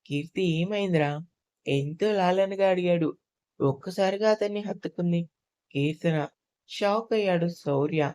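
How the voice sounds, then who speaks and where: A woman storyteller reading a romantic audio story aloud in a calm, even way. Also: lowish voice, moderate pace, clean tone.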